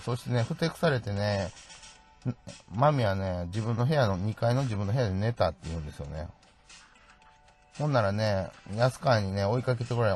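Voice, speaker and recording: A man's voice: on the low side, darkish tone, husky. A man hosting a solo true-crime talk, chatty, tagging his sentences with little asides. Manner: chatty, peppers sentences with "ne" tags and wry asides. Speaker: podcast host.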